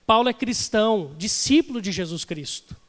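A man's voice: high voice, expressive, moderate pace. A man preaching a sermon as a pastor, chatting with his congregation and asking them questions. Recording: long hall reverb.

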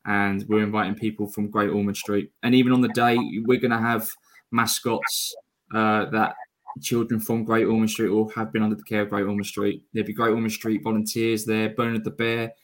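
A man's voice: lowish voice, flat delivery, fairly quick. A man appearing as a guest to explain a charity event in an earnest, enthusiastic way. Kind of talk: casual interview.

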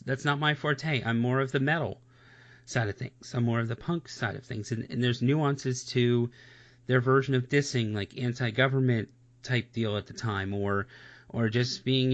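Blunt guy ranting in a casual chat, mid pitch, kinda muffled lo-fi audio. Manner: blunt, swearing, repeats "seriously" and "honestly". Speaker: music reaction co-host. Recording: dull lo-fi sound.

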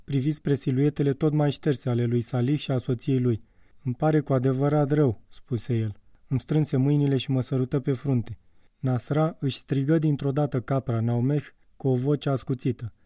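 A man narrating a literary audiobook in a measured, calm way. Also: mid-range voice, dry recording, clean studio sound, distant mic.

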